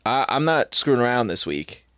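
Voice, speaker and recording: A young man co-hosting a podcast in a casual sports chat, opinionated and animated. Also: mid-range voice, no echo, clean studio sound. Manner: opinionated, animated, quick asides. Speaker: podcast co-host.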